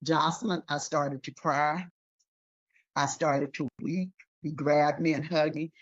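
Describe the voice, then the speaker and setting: A woman's voice: low voice, steady tone, takes it slowly, dry recording, highs cut off. An older woman, a guest in an interview, telling an emotional personal story and acting out the people in it.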